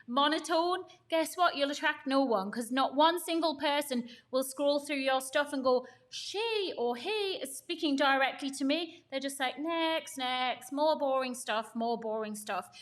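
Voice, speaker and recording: High-voiced woman talking marketing. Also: fairly bright tone. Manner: emphatic, talks in long runs with examples. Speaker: co-host. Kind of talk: casual podcast chat on marketing.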